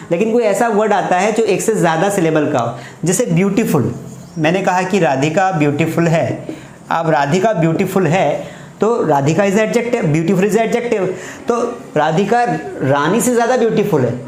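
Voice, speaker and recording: A male teacher giving a casual grammar lesson, explaining slowly and repeating key words as quiz questions. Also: high-pitched, darkish tone. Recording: echoey room, faint background noise.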